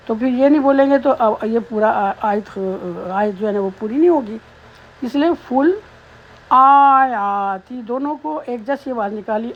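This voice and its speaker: Woman recitation teacher, high voice, patient explainer, muffled lo-fi recording. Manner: slow melodic chanting of verses, then patient spoken explanation. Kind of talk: tajweed lesson, recitation with explanation.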